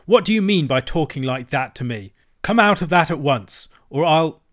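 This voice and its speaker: A man's voice: mid-range voice, animated, a little slow, lightly acted. A man voicing Toad, a boastful, headstrong male toad who blusters when angry. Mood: blustering. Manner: blustering, indignant.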